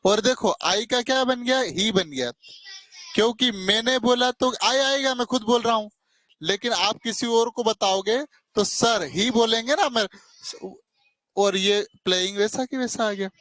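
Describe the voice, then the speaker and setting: A man's voice: very high-pitched, measured pace, fairly bright tone, no echo. A male teacher giving a classroom grammar lesson, keeping his students engaged with frequent short tag questions and calling them "beta" affectionately. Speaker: English teacher.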